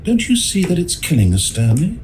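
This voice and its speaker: A man's voice: high-pitched, huge pitch swings, brisk, darkish tone, slight background noise. A man playing an earnest, needy video game narrator who pleads theatrically for happiness. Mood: weary, desperate. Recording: music behind the voice.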